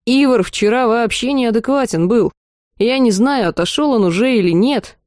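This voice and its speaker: A woman's voice: a little high, animated, normal speed, a little mellow, dry recording, studio quality, natural voice. A woman reading the part of a sheepish, hungover young male student who mumbles his words in an audiobook. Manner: mumbling, groaning and apologetic.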